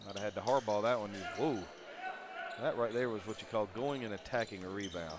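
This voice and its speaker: Joking color man over a loud gym. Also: on the low side, brisk, noisy background. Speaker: color commentator. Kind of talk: local high school basketball commentary.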